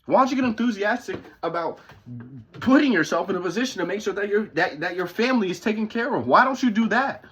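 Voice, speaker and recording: A man's voice: high voice, animated, fast, fairly bright tone, a little hiss or hum. A man in his twenties delivering a profane, confrontational motivational rant at home, swearing constantly. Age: 20s. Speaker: vlogger. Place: his parents' house.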